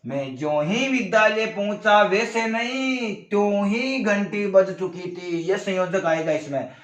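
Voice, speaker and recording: A male teacher with a Rajasthani Hindi accent, giving an exam-prep grammar lesson and addressing his viewers as friends while explaining slowly through spoken examples. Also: sits high, animated, echoey room.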